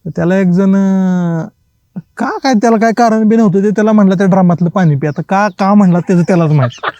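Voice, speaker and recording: His voice sits high and he talks fast: a writer on a podcast, laughing often as he relives college tales and voices the dialogue in casual speech. The recording has no echo, though the high frequencies are cut off.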